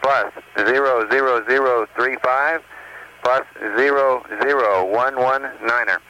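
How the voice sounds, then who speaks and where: A man with a mid-pitched voice speaks over a space mission radio link with clear noise on it. He sounds like a ground controller, measured and matter-of-fact, delivering procedural callouts. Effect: space radio transmission. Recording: noisy archival mission radio, clicks.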